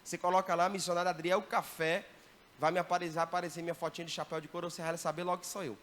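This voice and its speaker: Male missionary, tense bright tone, lively teaching manner in a church hall. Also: on the high side, racing. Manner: lively, keeps checking in with the audience. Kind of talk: church training talk.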